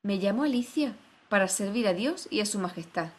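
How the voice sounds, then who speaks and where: A woman's voice: medium pitch, lively intonation, fairly quick, close to an everyday voice. Woman reading as a bold, polite young girl. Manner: polite, firm when challenged. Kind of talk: storybook reading.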